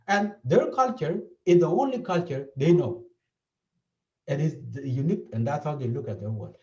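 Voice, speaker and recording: Speaking at a moderate pace, this man from South Sudan has a fairly high, mellow, animated voice and a South Sudanese accent. As a therapist in an interview, he lays out his ideas earnestly and repeats them often, heard through a dull, echoey, distant recording.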